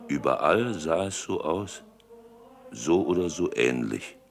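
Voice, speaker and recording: Very deep, gravelly male literary narrator. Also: lively intonation. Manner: deliberate, evocative, with dramatic pauses.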